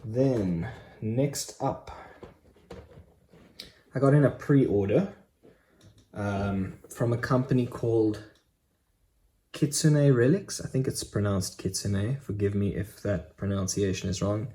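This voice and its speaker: A man's voice: fairly low pitch, slow, long pauses, dark tone, slight background noise. A young man casually chatting through his collectible purchases in a vlog, enthusiastic with frequent ums. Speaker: Funko Pop collector vlogger.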